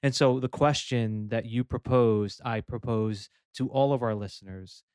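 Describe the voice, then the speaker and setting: A man's voice: mid-range voice, fairly even intonation, smooth, no echo, clean studio sound. A man hosting a podcast interview, asking long, affirming questions and wrapping up with plugs. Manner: warm, affirming, drawn-out questions. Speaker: podcast host.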